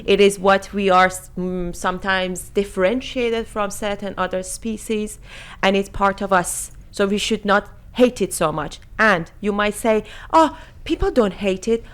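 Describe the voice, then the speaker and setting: A woman's voice: mid-range voice, a little slow, clear, resonant tone. A woman in her thirties, born in Iran, co-hosting a casual chat show with a playful, self-assured manner. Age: 30s. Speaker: podcast co-host.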